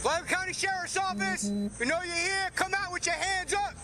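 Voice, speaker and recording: A male sheriff's deputy outdoors at night, giving loud, commanding orders through a loudspeaker from far off. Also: extremely high pitch, fairly quick, music in the background.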